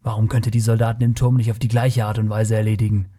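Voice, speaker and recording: Brief: gruff barbarian swordsman, low and terse, muttered lines, put on by a male audiobook narrator. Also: flat delivery, quick pace, mellow, lightly acted. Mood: uneasy. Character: gruff young barbarian warrior, wary.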